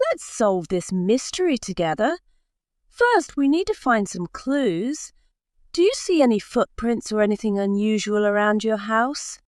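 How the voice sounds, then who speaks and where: A woman's voice: mid-range voice, big pitch swings, unhurried, darkish tone, no room sound, studio quality. A woman voicing an eager, helpful young girl explorer in a children's story.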